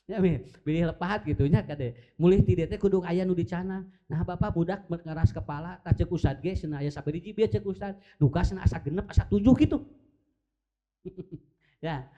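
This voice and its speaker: A man with a Sundanese accent giving a lively religious talk on parenting, speaking directly to mothers and fathers and acting out tones of voice. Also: high voice, muffled recording. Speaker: Islamic preacher.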